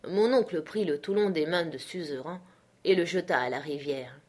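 A woman reading a classic novel aloud as narration, lively, giving the dialogue raised pitch and volume. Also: moderate pace. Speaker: audiobook reader. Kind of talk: scripted narration.

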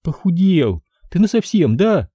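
Male narrator plays a middle-aged mother, tearful and loving, pitched up, husky and dry audiobook sound. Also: big pitch swings, measured pace, mellow, dry recording, exaggerated voice. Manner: sobbing, breathless outbursts.

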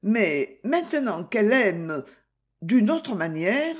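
A reader voicing an anxious, prim older society mother in an audiobook, in a high and fluttery tone. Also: sing-song, slow pace. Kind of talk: audiobook character reading.

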